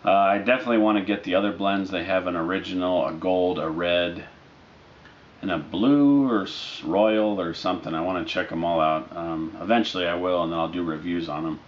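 A man in his thirties chatting casually to camera as a reviewer, in a laid-back, halting, unscripted way. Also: low voice. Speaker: product reviewer. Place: living room, indoors, on a couch. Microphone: camera mic a short distance away. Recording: dull lo-fi audio with noticeable background noise.

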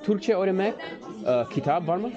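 Man, twenties, American accent, broken beginner Turkish, halting foreign delivery, swooping pitch, casual street vlog, crowd noise. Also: animated, muffled recording. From United States. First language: English. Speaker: travel vlogger. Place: busy city streets, markets and shops. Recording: busy crowd noise around him.

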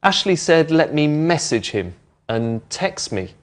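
Man explaining clearly. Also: a little high, very animated, a little slow, a little hiss or hum. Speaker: presenter of an English lesson. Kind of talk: friendly teaching explanation. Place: indoor studio with brick walls.

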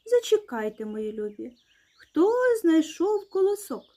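A woman's voice: sits high, sing-song, unhurried, mellow, voice pushed up. A woman calling out as a hardworking storybook rooster. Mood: questioning. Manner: calling out, asking questions. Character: hardworking patient little rooster. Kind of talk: children's fairy-tale reading.

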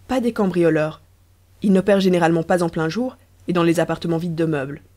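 A woman reads a storybook aloud with a warm, mellow, soft-edged voice. Her narration is lively and playful, keeping the tale moving with a storyteller's touch. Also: on the low side, quick pace. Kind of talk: audiobook narration.

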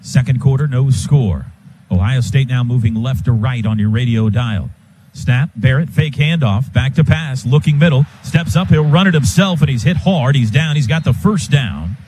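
An American radio play-by-play announcer calls a football game live from the stadium booth, his clipped phrases following the action. His mid-range voice moves at normal speed over loud stadium noise.

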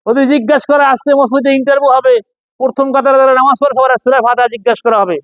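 Male Quran teacher, very high voice, dry close sound, slow chanted letter drills and rhetorical questions. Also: fairly even intonation, no room sound, poor audio. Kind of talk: classroom pronunciation lesson.

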